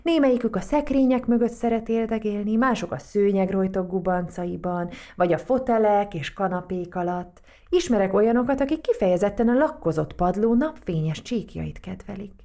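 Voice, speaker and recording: A woman's voice: medium pitch, animated, mellow, close to an everyday voice. A woman voicing a fretful kindly witch. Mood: thoughtful.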